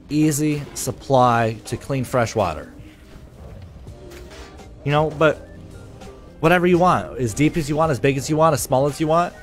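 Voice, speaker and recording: A man live streaming, chatting casually with his viewers, swearing freely and reading their comments aloud. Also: a little high. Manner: loose, profane, reads chat comments aloud.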